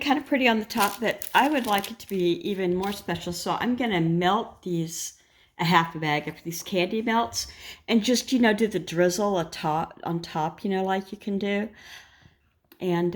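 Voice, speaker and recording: A woman vlogging from her home kitchen, talking casually while she bakes, rambling and laughing often, a little shaken and frazzled. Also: medium pitch. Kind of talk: casual chat while baking.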